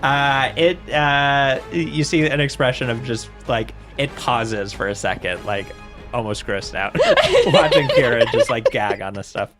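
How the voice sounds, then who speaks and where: A man's voice: mid-range voice, huge pitch swings, unhurried, over loud music. A man acting as game master of a tabletop game, chatty and laughing often between rulings.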